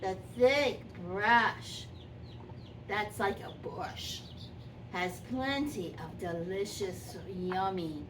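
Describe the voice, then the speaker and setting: A woman voicing a sweet, gentle old granny who tells a children's story expressively, lingering on and repeating words. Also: mid-range voice, drawn-out words. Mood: gentle, unhurried. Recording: distant microphone, faint background noise.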